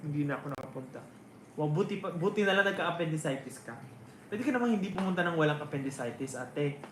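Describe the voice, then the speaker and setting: A man's voice: fairly high pitch, animated, fast talker, a little hiss or hum. A man singer hosting a casual livestream, reading out viewer comments and teasing them playfully while mixing English into his talk. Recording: roomy echo with ukulele music behind.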